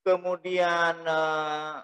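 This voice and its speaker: A middle-aged man lectures with a high, ringing voice, working through each point and asking questions he then answers himself. He sits at a desk mic in a small room, gesturing while he talks. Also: level tone, very slow, a bit bright, low-quality recording. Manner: explanatory, asks and answers his own questions. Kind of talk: recorded lecture. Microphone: desk mic on stand.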